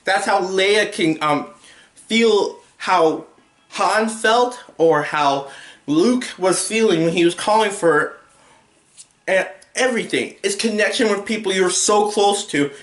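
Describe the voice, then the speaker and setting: A young man talks through a movie review in a loose, rambling way, restarting sentences and leaning on filler words. His voice sits a bit high for a man. The room around him rings with echo. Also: takes it slowly, fairly bright tone. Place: home room with a TV.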